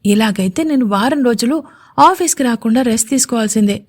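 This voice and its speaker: A woman's voice: on the high side, brisk, natural voice. A woman voicing a playful young female CEO in a romantic audio story, coaxing and mock-jealous.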